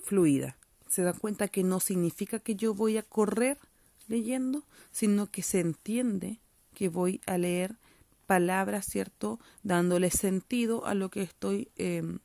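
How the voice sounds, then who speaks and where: Gravelly-voiced woman teacher, dry recording. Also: medium pitch, a little slow, no room sound. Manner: checks in with "¿cierto?" constantly, patient and explanatory; reads aloud with expressive intonation. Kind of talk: virtual class reading aloud and explaining.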